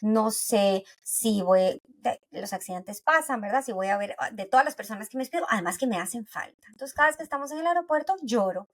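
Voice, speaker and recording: A woman's voice: fairly high pitch, animated, a little fast, few pauses. A woman from Costa Rica with a Costa Rican accent, a pediatric neuropsychologist guest explaining things conversationally and often adding "¿verdad?". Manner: tags sentences with "¿verdad?", explains with everyday anecdotes.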